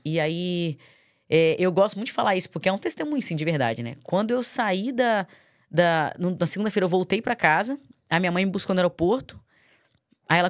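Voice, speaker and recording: A woman's voice: mid-range voice, no echo, clean studio sound. A young Brazilian woman from Espírito Santo, a guest on a podcast, telling her story earnestly and animatedly, with frequent tag questions. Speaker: podcast guest, MMA fighter. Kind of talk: casual storytelling interview.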